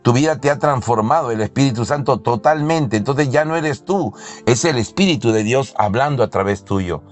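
A man's voice: medium pitch, lively intonation, normal speed. Fervent male preacher, faint music. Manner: fervent, rising to loud exclamations. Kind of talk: sermon.

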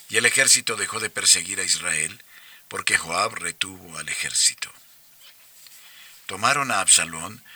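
A man reads Scripture for the Liturgy of the Hours. His voice sits very low but has a bright, sharp edge. His reading is measured and solemn. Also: dry recording. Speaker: liturgical reader.

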